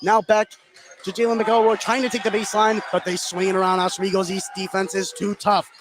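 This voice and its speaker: A man gives live radio play-by-play of a basketball game, tracking the action continuously and lifting his voice on big plays. He has a high voice, flat delivery and a fairly quick pace, in a noisy live gym broadcast.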